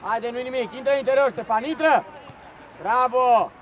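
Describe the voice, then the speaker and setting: A man coaching young football players from the touchline, shouting commanding orders and repeating their names over and over. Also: dull audio. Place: outdoor football pitch during a match. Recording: noisy outdoor pitch recording.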